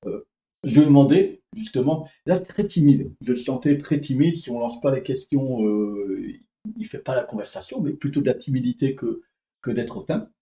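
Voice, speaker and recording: Male vlogger telling a story, hesitant and rambling, warm tone, roomy sound. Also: medium pitch. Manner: rambling, hesitant, many fillers and restarts. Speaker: comics vlogger. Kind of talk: casual storytelling vlog.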